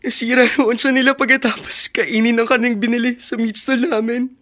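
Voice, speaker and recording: A tearful teenage boy in a radio drama, as played by a voice actor, speaking in a shaky, crying voice of ordinary pitch. He sounds hurt and anxious. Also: flat delivery, brisk, a bit bright, lightly acted. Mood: upset. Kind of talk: Filipino radio drama acting.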